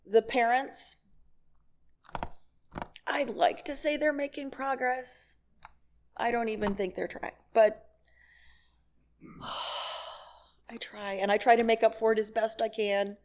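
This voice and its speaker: A middle-aged woman speaks slowly, pausing often, in a slightly high voice with fairly even intonation. As guest speaker at a church service, she gives a candid, wry personal talk, laughing as she recounts stories and plays out bits of dialogue.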